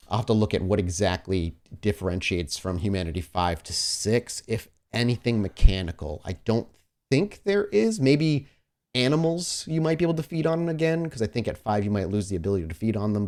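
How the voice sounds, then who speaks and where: A low-voiced man talks fairly quickly with lively intonation and a darkish tone while running a tabletop roleplaying game. He speaks directly and conversationally to his player, alternating improvised descriptive scene-setting with casual table talk.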